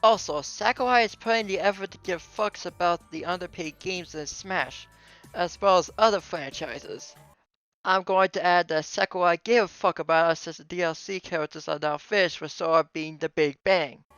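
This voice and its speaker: A man's voice: sits high, moderate pace, fairly bright tone, clean tone, soft background music, poor audio. A man reading a scripted rebuttal as a commentator responding to a video.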